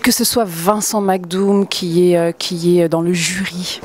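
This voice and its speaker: A woman's voice: on the low side, steady tone, measured pace. Casual woman reporter asking questions. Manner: casual, informal, direct questions. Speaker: event reporter. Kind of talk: casual interview.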